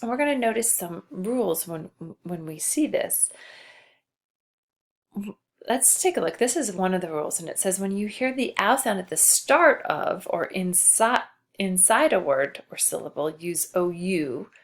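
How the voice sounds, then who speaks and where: A woman teacher giving a patient spelling lesson to a child, slowly spelling out letters. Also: fairly low pitch, lively intonation.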